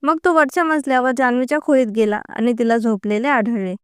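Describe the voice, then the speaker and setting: A woman narrating a story in an even, unhurried reading voice. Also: on the high side, clear, resonant tone, no echo, studio quality.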